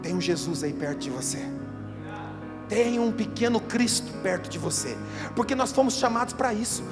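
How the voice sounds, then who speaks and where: A man's voice: sits high, lively intonation, normal speed. A male pastor, preaching an emphatic sermon at a church service, asking rhetorical questions and acting out quotes. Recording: reverberant church hall with music behind.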